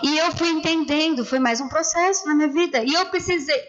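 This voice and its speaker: A woman pastor preaching a sermon in church, telling personal stories in a conversational, animated way. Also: sits high, a little fast, highs cut off, a little hiss or hum.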